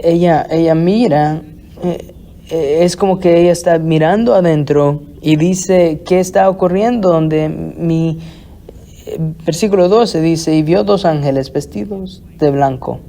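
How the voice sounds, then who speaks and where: A male pastor preaching an expository sermon in a deliberate, halting way, often restarting his phrases. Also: a little high, creaky, dark tone.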